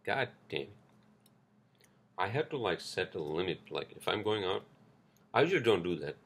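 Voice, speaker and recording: Speaking English with a non-native accent, a man hosts a casual solo podcast, wandering through his thoughts with plenty of fillers, restarts and curse words. His voice sits low with big pitch swings, a breathy edge and a normal pace.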